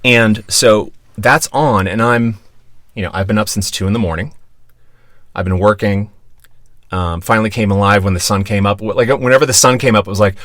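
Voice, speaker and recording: A man from Pennsylvania with a low, deep-set voice spins a rambling story as a podcast guest. He swears freely and keeps it loose and animated. The sound is dry and close, with no room echo. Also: moderate pace. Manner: profane, animated anecdote-telling. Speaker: guest, former radio DJ.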